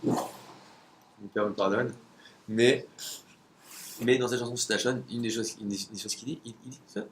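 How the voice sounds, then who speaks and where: A man's voice: medium pitch, fairly even intonation, unhurried, pauses often, slight background noise. A man giving a conversational religious lesson, asking rhetorical questions and sometimes searching for words.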